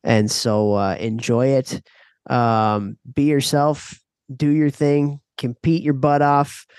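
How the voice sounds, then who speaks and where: A man's voice: mid-range voice, flat delivery, takes it slowly, darkish tone, clean tone, dry recording, clean studio sound. A man co-hosting a podcast, talking in an easygoing, encouraging, casual way. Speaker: podcast co-host. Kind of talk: casual chat.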